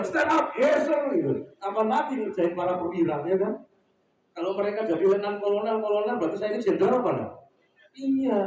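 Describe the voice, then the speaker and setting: Middle-aged man, East Javanese accent, preacher, joking storyteller, fairly high voice, booming echo, heard from a distance. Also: mellow, slight background noise. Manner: humorous storyteller who acts out quotes and questions the audience. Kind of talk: sermon at a neighborhood religious gathering. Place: neighborhood religious gathering. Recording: echoey, far from the mic.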